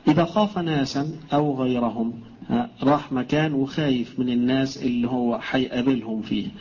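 Husky man preaching a religious lesson. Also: medium pitch, fairly even intonation, darkish tone. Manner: explains plainly, slows to recite quoted texts. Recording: dull lo-fi recording.

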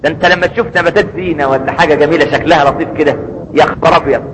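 A man's voice: on the high side, fairly even intonation, rapid-fire, fairly bright tone, in a large hall, a little hiss or hum, low-quality recording. A man with an Egyptian accent preaching a sermon, emphatic, asking rhetorical questions and answering them himself. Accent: Egyptian Arabic.

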